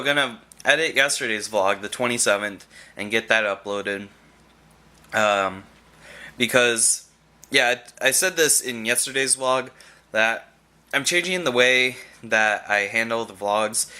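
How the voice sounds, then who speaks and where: A man's voice: medium pitch, bright, forceful tone. A young man chatting casually in a rambling vlog, chewing gum as he talks and often restarting his sentences. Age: young adult. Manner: rambling, full of fillers and restarts; chewing gum while talking. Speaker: vlogger.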